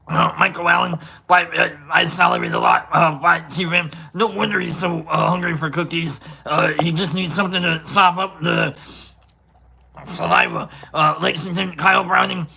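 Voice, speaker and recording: A streamer voicing a gravelly, greedy cookie-loving male monster, calling out loud, rowdy shout-outs. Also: medium pitch, animated, normal speed, pitched below the performer's own voice, full character voice.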